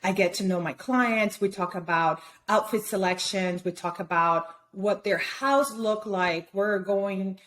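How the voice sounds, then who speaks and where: Chatty and full of fillers and restarts, this guest photographer from Brazil, whose first language is Portuguese, talks in a casual interview with a Brazilian Portuguese accent. Her mid-range, fairly bright voice moves a little slowly with few pauses.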